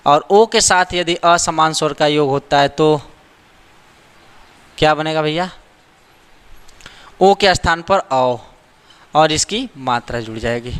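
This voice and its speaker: A man's voice: a little high, fairly bright tone, clear, resonant tone, big-room sound. A man teaching a grammar lesson, repeating the rules and asking rhetorical questions to check that students follow. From India.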